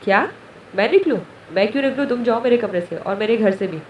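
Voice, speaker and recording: A woman's voice: fairly high pitch, expressive, fast, a little hiss or hum, natural voice. Bantering proud young husband, voiced by a woman reader, fond and cheeky; roomy, distant sound. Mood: bickering. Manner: bantering, affectionate. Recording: echoey room, distant mic.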